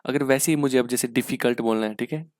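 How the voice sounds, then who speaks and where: A young man with an Indian accent, teaching English grammar and vocabulary for exam prep in a casual lesson, reading sentences out slowly word by word and checking in with repeated rhetorical questions. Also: mid-range voice, a little mellow, no echo, studio quality.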